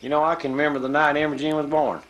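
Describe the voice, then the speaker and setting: A man's voice: on the high side, little pitch movement, racing, a bit bright. A middle-aged man with a rural Southern American accent, chatting casually and narrating a home video in a folksy country drawl. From rural southern United States. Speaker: father filming a home-video tour of family farmland. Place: outdoors on a windy ridge and farm. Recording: windy, very noisy 1980s camcorder audio.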